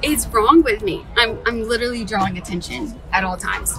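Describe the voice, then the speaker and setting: A woman vlogger talking in a casual, chatty and excitable way, often poking fun at herself. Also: medium pitch, moderate pace, over loud music, rough recording. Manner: chatty, excitable, self-mocking. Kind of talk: casual chat.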